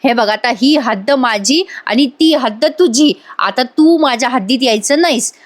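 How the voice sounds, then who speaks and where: A stubborn young wife who snaps back and sets her own rules, defiant and sharp, as a woman narrator plays her. Her voice sits rather high, spoken in a lively retelling of a serial. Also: moderate pace.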